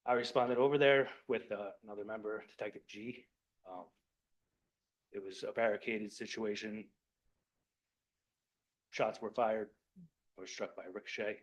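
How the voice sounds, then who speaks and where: A man who is a police lieutenant, addressing a village board meeting, choked up and halting, apologizing and repeating words as he explains. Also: lowish voice, steady tone, highs cut off. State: choked up with emotion. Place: municipal meeting room.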